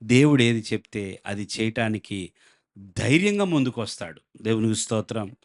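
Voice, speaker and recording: A man's voice: lowish voice, animated, normal speed. A male pastor preaching a sermon with a Telugu accent, asking the congregation questions and acting out the people in his story. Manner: dramatic, acts out quoted voices, asks the congregation questions.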